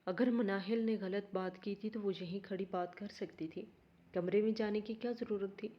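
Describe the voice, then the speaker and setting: A woman reading a dramatic family story aloud in a steady, earnest way. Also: medium pitch, muffled recording.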